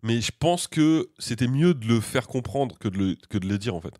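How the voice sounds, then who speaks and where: A man's voice: mid-range voice, lively intonation, normal speed, mellow, no echo, clean studio sound. A man co-hosting a podcast from France, chatting casually in a slangy, joking way with strong opinions. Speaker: podcast co-host. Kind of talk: casual chat.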